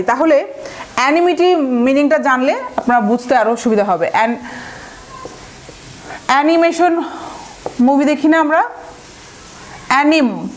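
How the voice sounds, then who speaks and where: High-pitched Bangladeshi woman, online vocab tutor, breaks words into syllables and checks in with viewers. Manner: mixes English phrases into her talk, breaks long words into syllables; fillers and restarts, asks the viewer rhetorical questions. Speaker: vocabulary teacher. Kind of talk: online exam-prep lesson.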